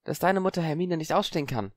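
A man's voice: on the high side, lively intonation, fast talker, dry recording, clean studio sound, voice pushed up, lightly acted. A man voicing a cheerful, scheming young schoolgirl in an audiobook, bubbly yet suspicious. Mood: lively. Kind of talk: audiobook character voice.

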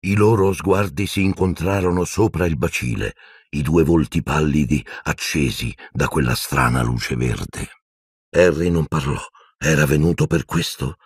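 A man narrating an audiobook with dramatic, expressive storytelling into a close microphone. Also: a bass voice, measured pace, slightly rough, dry recording.

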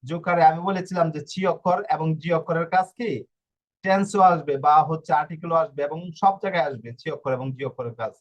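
A man's voice: a little high, fast talker, lo-fi sound. A man teaching an online language class, explaining step by step, repeating rules and asking rhetorical questions.

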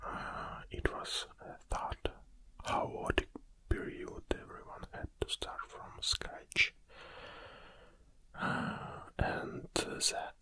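Speaking in a gentle, close whisper with occasional hesitations, a Russian-accented ASMR host from Kazakhstan, aged in his forties, takes his time. His setup is a small home studio with a condenser mic on a stand, and he has headphones on.

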